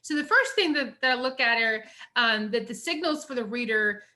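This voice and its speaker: A middle-aged woman, teaching a recorded lecture on essay writing. Her voice sits a bit high and sounds bright and forceful. She talks in a chatty way, with many fillers and "you know"s. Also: animated, normal speed.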